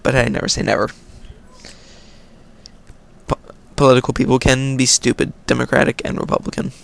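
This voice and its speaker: A man's voice: mid-range voice, monotone, a little fast, creaky. An American man hosting a casual question-and-answer video, reading viewer questions aloud and then answering in an offhand way. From United States. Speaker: video host. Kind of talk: casual Q&A vlog.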